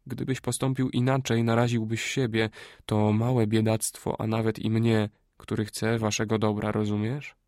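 A man reading a Greek adviser in an audiobook, speaking quietly, slowly and persuasively. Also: fairly low pitch, little pitch movement, no echo, clean studio sound, close to an everyday voice. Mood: hushed persuasive. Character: a scheming older Greek man, hushed adviser.

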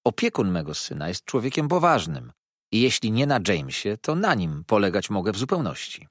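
A man reading an audiobook voices a dignified older lady who speaks in a measured, cool way. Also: fairly low pitch, very animated, no room sound, studio quality. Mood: composed.

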